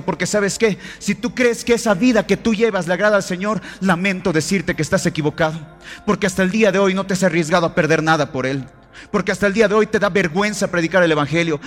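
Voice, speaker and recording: A man's voice: sits high, fairly bright tone. A man preaching a sermon, impassioned and exhorting, calling the congregation family, with faint music behind. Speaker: pastor.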